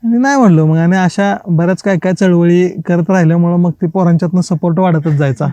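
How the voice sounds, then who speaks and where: A man, a writer and podcast guest, telling lively college anecdotes in a casual interview, acting out the dialogue in colloquial speech and laughing often. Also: high voice, fairly quick, no room sound.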